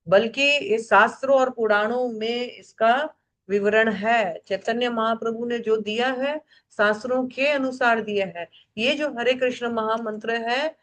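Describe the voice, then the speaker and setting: Woman, devotional class leader, slightly high pitch, emphatic, repetitive, mixes in English. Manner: emphatic, repeats key phrases three times; mixes English words into her talk. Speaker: devotional study group leader.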